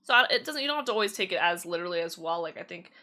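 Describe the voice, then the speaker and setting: A woman's voice: lowish voice, animated, very fast, bright, forceful tone. A woman streaming tarot readings in casual chat, chatty and giggly with lots of fillers, her voice slightly strained.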